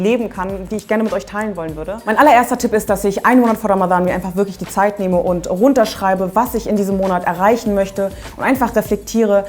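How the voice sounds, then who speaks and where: A woman's voice: medium pitch, a little mellow. A young woman hosting a comedy video, telling stories to the camera in a playful, exaggerated way. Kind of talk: comic storytelling to camera.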